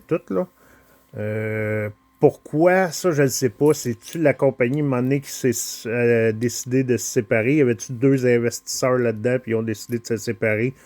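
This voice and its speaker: Hesitant and slow, peppered with pauses and filler noises, a man with a Quebec accent shows his little cars in a laid-back unboxing video. His voice sits at medium pitch and sounds a little mellow. The audio is dry.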